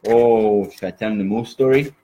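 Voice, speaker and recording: A man's voice: fairly low pitch, moderate pace, warm tone, dull audio, slight background noise. A man from Minnesota with an exaggerated Minnesota accent, chatting as an interview guest in a folksy, rambling way. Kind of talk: casual interview chat.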